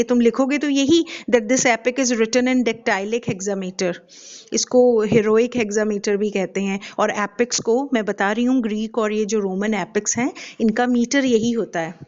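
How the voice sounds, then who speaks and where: A woman lectures slowly and carefully, stopping often on hesitant fillers and asking her class questions. Her voice sits a little high. The recording sounds dull and lo-fi. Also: a little mellow. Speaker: English literature teacher. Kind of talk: lecture mixing Hindi and English.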